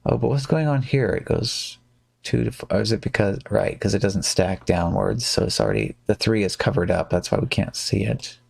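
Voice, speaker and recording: A man with a low, gravelly voice chats casually through a live stream of a card game. He mutters and hums under his breath between moves and greets viewers as they drop in. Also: fairly quick. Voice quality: gravelly, relaxed, hums and mutters while playing.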